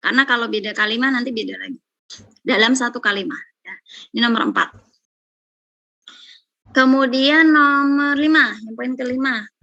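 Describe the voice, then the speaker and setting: A woman's voice: fairly high pitch, gravelly, sharp tone, muffled recording. A woman teaching Quran recitation rules, patiently explaining and repeating each example word several times. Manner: slow, patient, repeats and drills pronunciations. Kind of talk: online lesson.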